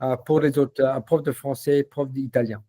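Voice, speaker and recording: Relaxed man with a mellow voice. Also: medium pitch, normal speed. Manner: relaxed, repeats words, many fillers. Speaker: language trainer demonstrating a learning platform. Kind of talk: casual software walkthrough.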